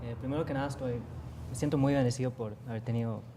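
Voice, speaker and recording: A young adult man from Costa Rica, a guest artist with a Costa Rican Spanish accent, speaks earnestly and reflectively in a TV studio interview, using frequent fillers. His mid-range voice stays steady and fast, with a noisy background behind him.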